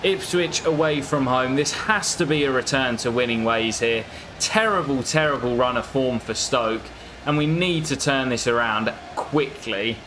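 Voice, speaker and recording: A gaming YouTuber with a medium-pitched voice, speaking at a normal pace over background noise, commentates on his own football video game career. When things go wrong, he breaks into exasperated outbursts.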